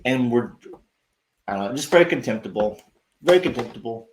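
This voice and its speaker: A man's voice: mid-range voice, lively intonation, a little fast, a little mellow, echoey room, slight background noise, rough recording. A man hosting a livestream, rambling and sarcastic, swearing freely as he talks casually to his chat. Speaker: livestream host.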